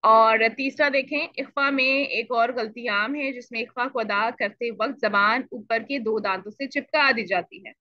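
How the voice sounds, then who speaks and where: A woman teaching Quran recitation in an online lesson, explaining patiently and repeating syllables to demonstrate, clearing her throat now and then. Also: a little high, measured pace, few pauses, no echo. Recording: dull lo-fi dry audio.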